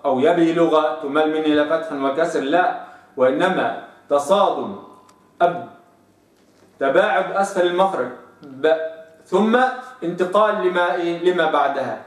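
A man teaching Quranic recitation rules, stretching out example words slowly to demonstrate sounds. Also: on the high side, echoey room, recorded from a distance. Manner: drawn-out slow recitation of examples. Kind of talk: tajweed lesson with slow demonstrations.

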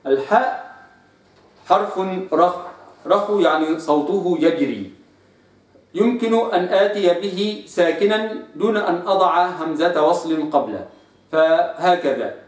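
A man with an Egyptian accent teaching Quran recitation, explaining and slowly demonstrating letter sounds. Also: high voice. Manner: slow drawn-out sound demonstrations between explanations. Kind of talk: tajweed lesson with demonstrations. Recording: echoey room, voice a bit distant.

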